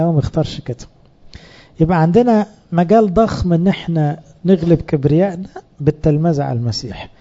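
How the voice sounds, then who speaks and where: A man's voice: a little high, dark tone, muffled recording. A man with an Egyptian Arabic accent giving a sermon to fellow priests, talking in a conversational way and asking rhetorical questions. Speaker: priest teaching other priests.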